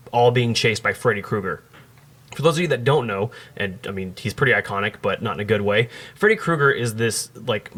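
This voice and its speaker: A man's voice: medium pitch, a bit bright. A man hosting a podcast, telling a long story in casual chat with many fillers and restarts. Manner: rambling, lots of fillers and restarts. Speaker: podcast host.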